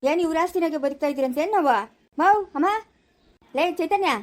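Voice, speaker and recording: An angry village father shouts down his relatives in a rural Chikkaballapura accent, played by a woman. The voice sits high and the scolding comes fast. It is amateur family-drama acting. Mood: indignant. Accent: rural Chikkaballapura Kannada. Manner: scolding, loud and indignant. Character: angry middle-aged village father defending his wife.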